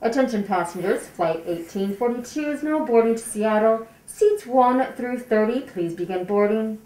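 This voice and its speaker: A woman's voice: on the high side, expressive, dark tone. A woman voicing an airport gate announcer making a formal boarding call over the intercom. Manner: formal, measured announcement delivery. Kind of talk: audition scene reading. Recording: echoey and distant from the mic.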